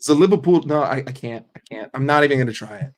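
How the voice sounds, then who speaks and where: This fast-talking young streamer has a medium-pitched, animated voice. During a relaxed livestream he swears without restraint, jokes and keeps reacting to his chat.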